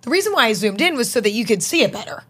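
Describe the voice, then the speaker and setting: A woman's voice: a little high, big pitch swings, rapid-fire, fairly bright tone, slightly rough. A young woman who creates online videos, a guest on a chat show, talking casually and rambling, with lots of "like.". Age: young adult. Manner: rambling, heavy use of "like".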